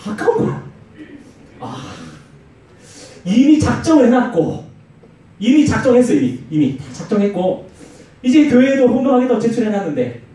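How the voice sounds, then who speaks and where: A man's voice: normal speed, long pauses. A man preaching a youth sermon in a church, telling stories and acting out the quotes. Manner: animated storytelling with acted-out quotes and swinging pitch. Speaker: youth pastor. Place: church hall. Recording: very echoey hall, mic far off.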